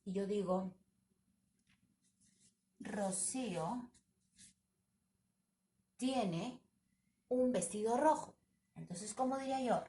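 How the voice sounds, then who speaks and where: Woman, language teacher, slow deliberate pace, repeats examples, roomy echo, faint background hum. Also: medium pitch. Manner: slow, drawn-out, repeats words for students. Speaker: English teacher. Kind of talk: online grammar class. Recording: echoey room with faint ambience.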